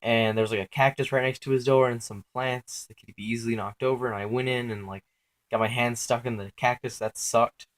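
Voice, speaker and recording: With a medium pitch and steady tone, a young man describes his dreams casually, halting and rambling, correcting himself, using lots of filler words and swearing now and then.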